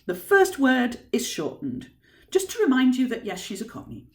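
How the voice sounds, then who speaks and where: A woman's voice: high-pitched, huge pitch swings, normal speed. A woman author giving an informal teaching talk on writing, thoughtful and emphatic as she explains. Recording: roomy echo.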